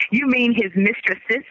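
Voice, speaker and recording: A female guest co-host gossips casually in a bright voice with lively swings of pitch. She is agreeable and playful as she tells stories, over slightly dull radio sound. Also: slight background noise.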